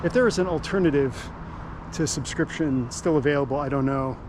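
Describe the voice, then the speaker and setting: With a slightly high voice and a brisk pace, the running vlogger chats loosely and laid-back outdoors near a car. Car and ambient noise can be heard in the outdoor recording.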